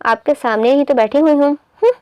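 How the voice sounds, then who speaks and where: A woman's voice: high-pitched, fairly quick, no room sound, highs cut off, voice pushed up, close to an everyday voice. Woman doing a cheeky, teasing young bride-to-be. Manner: sharp-tongued, teasing, whiny.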